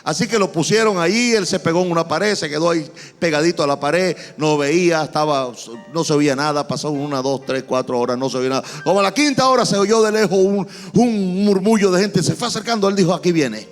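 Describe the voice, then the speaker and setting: A male pastor with a Venezuelan accent preaching a dramatic, animated sermon in a large church. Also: fairly high pitch, a little fast, hardly any pauses. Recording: long church-hall reverb, faint music.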